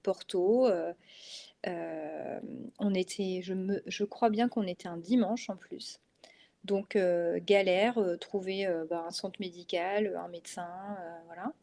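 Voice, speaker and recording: This woman's voice sits lowish and is creaky yet warm, with fairly even intonation and a slightly slow pace. She's in her thirties, a mother of three with a northern French accent, chatting casually as an interview guest and hesitating a lot with fillers and restarts.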